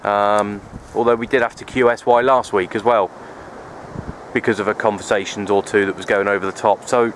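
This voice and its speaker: On a wooded, open hilltop, a radio hobbyist vlogger talks a little fast with fairly even intonation, sounding low-key and resigned as he rambles and repeats himself. The clip comes from his own handheld camera's built-in mic, so wind and ambient noise are audible.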